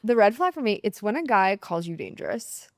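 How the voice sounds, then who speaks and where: Brief: chatty woman co-host, gushing and filler-heavy, mid pitch, dry. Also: very animated, a little fast, dry recording. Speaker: podcast co-host. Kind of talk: casual chat.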